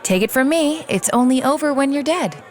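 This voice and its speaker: An actress playing a cynical, secretive schemer in a comic fantasy audio drama, with a dry, teasing, dismissive manner. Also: female voice, sits high, lively intonation, a little fast. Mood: wry, reflective.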